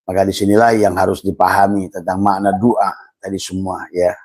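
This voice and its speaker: Middle-aged male religious teacher, lowish voice, halting, filler-heavy, calls the audience friends. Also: little pitch movement, darkish tone, dry recording. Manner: slow, halting delivery with many fillers and repeated words; addresses listeners as friends, refers to himself in third person. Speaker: Islamic mysticism teacher. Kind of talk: informal religious lecture.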